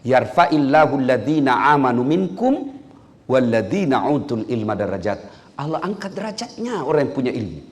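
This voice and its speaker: A man preaching a humorous sermon to an audience, acting out stories with shouted voices. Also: medium pitch, moderate pace. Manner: lively, joking, acts out stories with shouted voices. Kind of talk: humorous sermon to civil servants. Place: hall with an audience. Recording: echoey hall.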